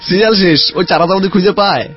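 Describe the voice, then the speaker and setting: Fast-talking storyteller man. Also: high-pitched. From Khulna region, Bangladesh. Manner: lively anecdotal storyteller, chatty. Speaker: guest. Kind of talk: casual life-story telling. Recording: dull lo-fi sound with faint music.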